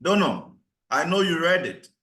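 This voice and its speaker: Male moderator, bright lively voice, echoey room. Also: on the high side, normal speed. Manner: brief affirmations and turn-giving. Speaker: seminar moderator.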